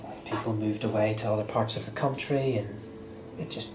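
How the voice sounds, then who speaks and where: With a slightly congested voice from a cold, a guitar channel host in his late thirties rambles reflectively while working, leaning heavily on fillers. He speaks low and brisk, with fairly even intonation. The recording carries room echo and loud background music.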